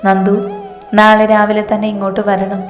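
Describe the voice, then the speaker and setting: Woman narrator reading a calm young husband, level and steady, roomy reverb. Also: mid-range voice, normal speed, lightly acted. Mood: calm firm. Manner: steady, teasing. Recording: roomy reverb, faint music.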